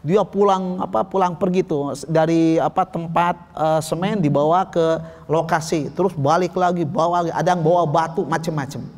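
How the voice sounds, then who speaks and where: Guy preaching, voice sits high, lots of questions to the crowd, long echo. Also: normal speed. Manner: lively, asks the audience questions. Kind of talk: religious lecture with storytelling. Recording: long hall reverb.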